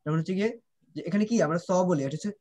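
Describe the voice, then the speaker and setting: A man's voice: sits high, racing, darkish tone. A man teaching children pronunciation in an online class. He drills sounds and keeps asking whether the students understand, switching between Bengali and English.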